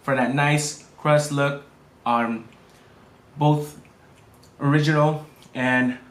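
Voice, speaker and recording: Guy chef casually walking thru cooking steps, kinda halting, echoey room. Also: on the high side, steady tone.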